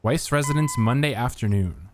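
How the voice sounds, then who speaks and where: A man giving relaxed, think-aloud commentary while streaming a game. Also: medium pitch, normal speed, background noise. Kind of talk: casual gameplay commentary.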